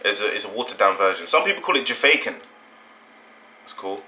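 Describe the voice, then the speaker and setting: A man's voice: on the low side, expressive, brisk, bright, forceful tone, a little hiss or hum, low-quality recording. A young British man from England hosting his channel, talking through an opinion in a casual, rambling way and often correcting himself. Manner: rambling, self-correcting, conversational. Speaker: channel host.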